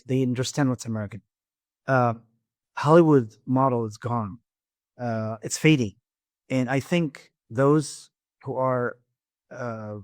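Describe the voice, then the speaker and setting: A middle-aged Iraqi man, president of an engineering firm, appears as a podcast guest and speaks haltingly in an Iraqi Arabic accent, with many restarts and repeated words. His voice is medium-pitched and darkish, recorded in a clean studio with no echo.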